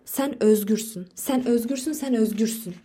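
A woman's voice: mid-range voice, steady tone, brisk, close to an everyday voice. A woman reading a fierce, desperate young wife. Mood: impassioned. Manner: loud, impassioned pleading. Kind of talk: audiobook reading.

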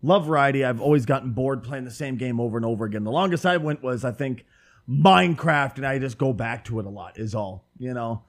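Ein Mann mit nördlichem Minnesota-Akzent, der locker, derb und scherzend einen Podcast moderiert. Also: male voice, mid-range voice, fairly quick. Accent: Northern Minnesota. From northern Minnesota. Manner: loose, profane and joking. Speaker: podcast host and streamer. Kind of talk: casual podcast chat. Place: home room with window open.

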